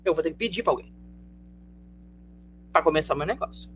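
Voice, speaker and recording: A Brazilian-accented teacher leads a remote sociology class in an easy, conversational voice of middling pitch. The teacher fires rhetorical questions at the students and checks that they are following. A faint hum sits under the voice. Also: animated, brisk, fairly bright tone. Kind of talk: live online class lecture.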